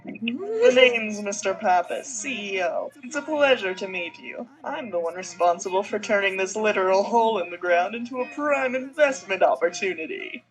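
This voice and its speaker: A woman's voice: medium pitch, lightly acted, low-quality recording. A woman voicing a smug, snooty male company boss in a comedic role-play. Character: snooty greedy middle-aged male mall CEO.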